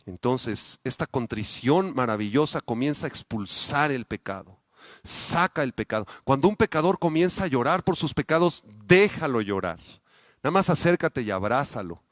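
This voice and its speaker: A man with a Mexican accent, a pastor delivering a sermon, speaking straight to his congregation with many rhetorical questions, his voice swinging between loud peaks and quiet, low asides. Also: expressive, normal speed, dry recording. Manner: addresses the congregation directly with frequent rhetorical questions.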